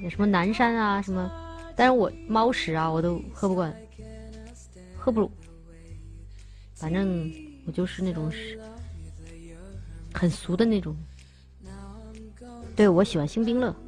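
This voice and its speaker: A woman's voice: medium pitch, a little slow, pauses often, darkish tone, faint music behind. A woman hosting a livestream, chatting playfully with her viewers and teasing them. She stammers and restarts, thanks donors and reads out their messages. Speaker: livestream host. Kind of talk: casual chat with viewers.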